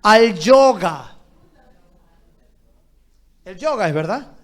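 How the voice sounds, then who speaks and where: Man, pastor, sermon, very high voice, slow deliberate pace, shouts then quiet asides. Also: lively intonation. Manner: swings from loud shouted exhortation to quiet low asides; calls on the congregation to answer aloud.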